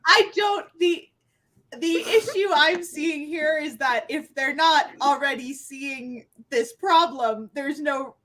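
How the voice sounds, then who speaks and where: A woman playing a tabletop role-playing game who speaks hesitantly and haltingly, with many fillers. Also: high voice, a bit bright. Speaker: player. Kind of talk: tabletop role-play chat.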